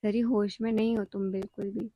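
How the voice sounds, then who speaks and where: A woman voicing a worried, gentle middle-aged mother who coaxes her daughter slowly. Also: medium pitch, level tone, no room sound, dull audio, lightly acted. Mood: coaxing.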